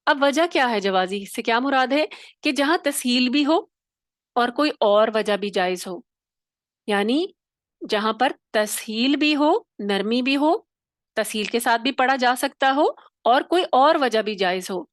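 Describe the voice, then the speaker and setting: Female recitation teacher: fairly high voice, dry close mic, patient step-by-step demonstrations. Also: lively intonation, no room sound. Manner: explains step by step, demonstrates sounds, checks with "theek hai?". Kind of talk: tajweed lesson.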